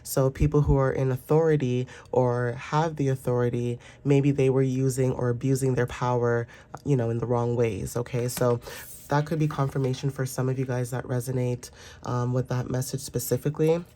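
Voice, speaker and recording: At a medium pitch and normal speed, a tarot reader with a sinus infection delivers a casual, rambling, reassuring reading packed with fillers. Her voice is warm and level but stuffy and nasal from congestion.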